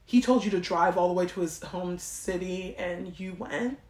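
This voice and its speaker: A woman's voice: fairly low pitch, normal speed, darkish tone, lightly acted. A woman putting on a shocked, disbelieving friend. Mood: incredulous. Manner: gasping, disbelieving questions. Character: shocked, incredulous woman friend hearing a wild story. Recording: roomy echo.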